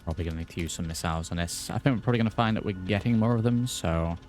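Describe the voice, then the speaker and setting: A man's voice: deep voice, very fast, darkish tone. A man giving casual, off-the-cuff commentary while he plays a video game. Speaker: gaming video host. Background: faint game music.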